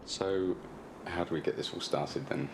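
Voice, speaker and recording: A man's voice: sits low, a little slow, vocal fry. A man playing a troubled married man in a film drama, with hesitant, restarting speech. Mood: uneasy, evasive. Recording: noisy film location sound.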